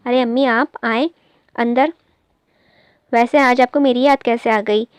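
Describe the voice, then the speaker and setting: A woman's voice: a little high, steady tone, a little slow, clean tone, no echo, natural voice. A woman reading as a playfully whiny young man.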